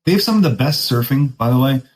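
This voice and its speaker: A man hosts a podcast, telling a loose story in relaxed surfer slang. His pitch jumps all over as he talks, swinging high and low. He pokes fun at himself and laughs along the way. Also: quick pace, poor audio. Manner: laid-back surfer talk, keeps saying "dude"; rambling, self-mocking, laughs often. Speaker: podcast host. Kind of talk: casual storytelling monologue.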